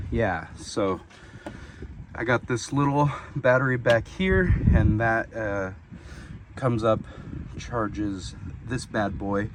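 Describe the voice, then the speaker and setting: A man's voice: medium pitch, slight background noise. A man vlogging casually outdoors in a parking lot beside his vehicle, laid-back and chatty, with plenty of fillers. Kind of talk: casual vlog.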